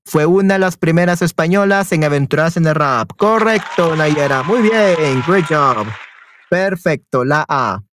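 With some background noise behind him, a man with a slightly high, unhurried voice leads an online Spanish class. He reads quiz questions to the students, frequently alternates between Spanish and English, and repeats his affirmations.

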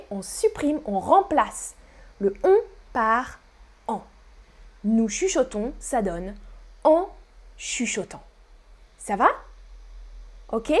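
A woman teaching a French grammar lesson on a live stream, speaking slowly and deliberately and repeating key words. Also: on the high side, a little mellow. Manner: slow, deliberate teaching with repetition; whispers on purpose as a demonstration.

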